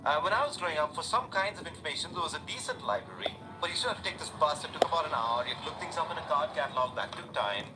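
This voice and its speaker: A man's voice: on the high side, very animated, racing, hardly any pauses. A man from India, giving thoughtful, reflective interview answers. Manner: thoughtful, with many fillers and restarts. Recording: interview with loud background noise.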